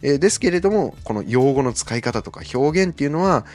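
Fast, animated man explaining history. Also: medium pitch, soft background music. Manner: lively, explains step by step with many fillers. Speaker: podcast host explaining Bible history. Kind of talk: casual explanatory talk.

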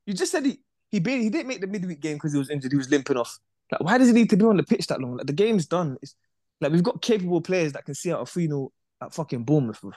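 A young man rattles through a casual football chat at speed, his voice sitting slightly high. He repeats himself and keeps tossing in "bruv" and "bro". The recording is dry and close, with no room sound. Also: very animated, fast talker, darkish tone, no echo. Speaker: podcast co-host.

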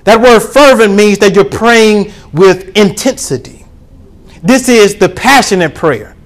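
Pastor guy preaching, pretty high voice, call and response, gets loud sometimes. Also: animated, a little slow. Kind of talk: sermon.

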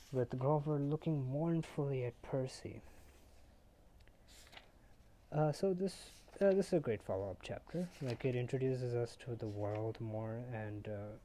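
A young man rambles through a book chapter on his podcast, full of "uh"s and "like"s as he slips into quick voices for the characters. His voice is mellow and of middle pitch. He records on a tablet while sitting on his bed. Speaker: podcast host. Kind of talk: casual book recap. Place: bedroom, on a bed. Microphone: tablet built-in mic.

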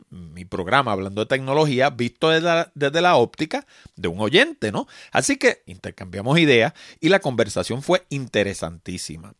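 Lively, chatty male podcast host. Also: mid-range voice, dry recording, clean studio sound. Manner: chatty, animated, leans on the filler 'qué sé yo'. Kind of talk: conversational podcast intro and interview.

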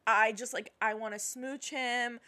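A woman's voice: on the high side, steady tone, measured pace, bright, forceful tone. A young woman co-hosting a podcast, chatting casually and gushing, with lots of "like" fillers. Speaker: podcast co-host. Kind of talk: casual chat.

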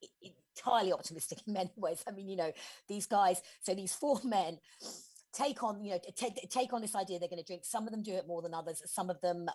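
Husky woman in her forties. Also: mid-range voice, quick pace, darkish tone. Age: 40s. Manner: chatty, restarts often, explains plots in detail. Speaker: film reviewer co-host. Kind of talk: casual podcast film review.

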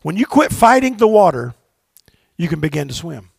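A man preaching a sermon as pastor in a church, swinging from shouted exhortations to low, quiet asides and leading call-and-response with his congregation. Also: very animated, moderate pace, gravelly, breathy edge, no echo, clean studio sound. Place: church sanctuary.

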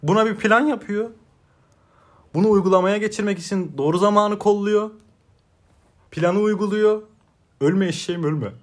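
A man's voice: sits high, fairly even intonation, normal speed, long pauses. A young man chatting casually as a co-host, laughing often and acting out the people he quotes. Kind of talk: casual chat.

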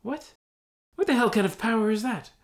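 A man's voice: a little high, big pitch swings, fairly quick, voice pushed up. A man voicing a young hobbit who is anxious, indignant and flustered, protesting earnestly in a parody audio story. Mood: exasperated. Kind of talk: scripted audio fan-fiction parody.

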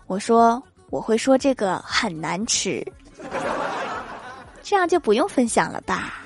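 A woman's voice: fairly high pitch, big pitch swings, measured pace, vocal fry, music in the background. A young woman hosting a joke show, telling funny everyday stories in an upbeat way and chuckling at her own punchlines. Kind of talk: comedic joke storytelling.

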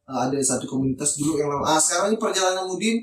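A man's voice: fairly high pitch, animated, very fast. A man, co-hosting a podcast in a playful, teasing manner. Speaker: podcast co-host. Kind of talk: casual podcast chat. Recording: roomy, distant mic, faint hiss.

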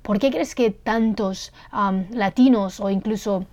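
A woman's voice: mid-range voice, a little slow, a little mellow. A woman hosting a podcast interview, asking questions and explaining terms for the listeners. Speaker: podcast host.

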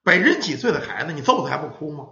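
A man's voice: a little high, big pitch swings, fast, creaky, pushed and bright. A man telling a ghost story, acting out the children and parents as he goes. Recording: roomy, dull lo-fi sound.

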